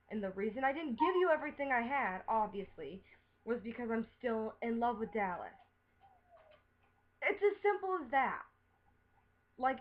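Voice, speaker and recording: A woman's voice: a little high, muffled recording. A woman delivering an upset, defensive rant to her viewers, swearing as she talks. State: upset, recently crying. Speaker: vlogger. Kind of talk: emotional webcam rant.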